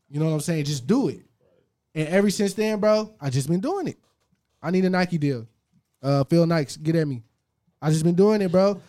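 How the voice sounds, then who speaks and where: Mellow, higher-voiced podcast man. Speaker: podcast co-host. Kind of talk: casual podcast chat.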